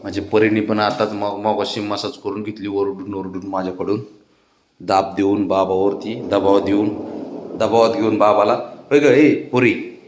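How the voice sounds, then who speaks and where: A man's voice: on the low side, level tone, moderate pace, darkish tone. A man coaxing his cats to take their medicine, slipping between plain remarks and sing-song baby talk. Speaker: cat owner. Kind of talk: casual vlog talk to pets.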